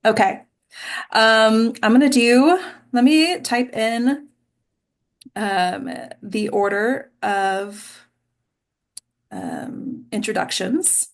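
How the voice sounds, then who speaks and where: A woman coaches a group of actors online, hosting them casually and with encouragement over a video call. She speaks into a computer mic with a slightly high voice and lively intonation, taking it slowly and pausing often.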